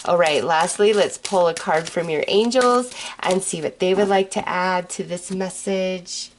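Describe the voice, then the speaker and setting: A woman's voice: lowish voice, measured pace, a little hiss or hum. A woman giving a casual, mystical horoscope reading as a tarot host, talking directly and reassuringly to the listener in a conversational way.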